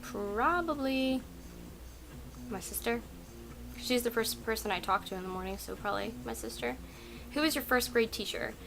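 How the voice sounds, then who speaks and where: A young adult woman, a native Russian speaker, vlogs casually at home at night, answering tag questions in a rambling, chatty way full of "like" and "um." Her voice is a little high and gravelly, at a moderate pace with frequent pauses. The audio quality is poor.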